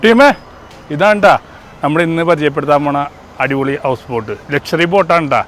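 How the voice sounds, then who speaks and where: A man's voice: a little high, expressive, fairly quick, a bit bright. A man with a Kerala Malayali accent hosting a casual vlog, slangy and exclamatory as he addresses viewers. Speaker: vlog host. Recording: faint engine and outdoor noise.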